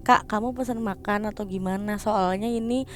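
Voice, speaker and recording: A young woman talking as a guest in a casual chat, telling her story in a lively way and acting out the people she quotes in changed voices, mixing slang with English words. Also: mid-range voice, moderate pace, slight background noise. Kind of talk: casual storytelling of a ghost experience.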